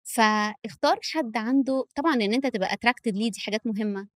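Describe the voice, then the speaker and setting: A woman's voice: on the high side, quick pace, no room sound, clean studio sound. A woman with an Egyptian accent, a relationship therapist explaining advice with firm conviction as a podcast guest. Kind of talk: casual podcast chat.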